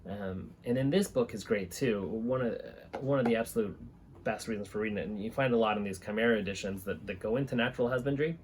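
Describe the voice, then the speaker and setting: This man, in his thirties, hosts a reptile-keeping channel and is reading aloud from a book while talking informally to the camera. His voice is on the low side and fast. Room noise from the small indoor space, with its reptile enclosures and fan, comes through clearly.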